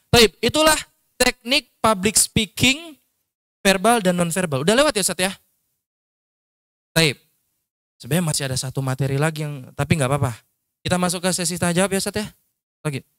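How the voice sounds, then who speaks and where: A man's voice: high voice, normal speed, pauses often, a bit bright, smooth, no echo, studio quality. A man teaching public speaking to a group in a casual workshop lecture, explaining points and demonstrating tones with his voice. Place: training session at an Islamic school.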